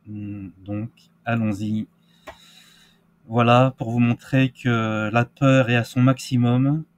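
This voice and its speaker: A man's voice: mid-range voice, flat delivery, slow, no room sound. A man giving casual crypto market commentary, hesitant with many fillers and restarts. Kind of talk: casual screen-share market analysis.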